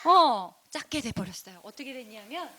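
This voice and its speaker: A woman deacon telling a story in a children's sermon, animated and asking the children questions. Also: high voice, normal speed.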